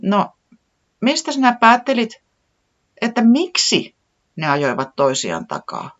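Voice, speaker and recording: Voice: medium pitch, wildly swooping pitch, voice pushed up. Casting: soothing mother bird, inquisitive and anxious, as a reader puts her on; lo-fi audio. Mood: concerned. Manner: soft, questioning and soothing. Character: caring motherly bird, gently worried.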